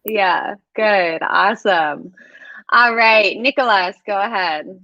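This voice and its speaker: A woman's voice: mid-range voice, slow pace, sharp tone, muffled recording. A young woman hosting a live stream over a video call, upbeat and chatty with lots of fillers. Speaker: host of a student live stream.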